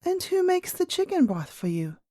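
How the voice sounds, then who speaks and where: Storybook little girl princess, played by a woman: high, swooping pitch, eager, questioning, outspoken. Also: big pitch swings, moderate pace, warm tone, no echo, clean studio sound. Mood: curious. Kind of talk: storybook character voice.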